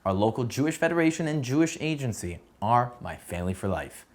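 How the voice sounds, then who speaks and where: A young man from San Diego, a soldier, reading his personal testimony in a steady, earnest way. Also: medium pitch, fairly quick. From San Diego, USA. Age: young adult. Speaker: soldier telling his story.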